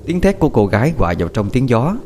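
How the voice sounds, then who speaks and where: A man's voice: medium pitch, sing-song, fast talker, a little hiss or hum. A man narrating a ghost story in a dramatic, suspenseful way. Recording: soft music behind the voice.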